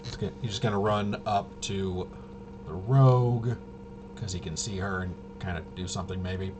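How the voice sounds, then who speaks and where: A low-voiced man speaks at normal speed over background noise. Playing and presenting a tabletop RPG on his own, he talks casually through the game, hesitantly muttering as he reasons things out.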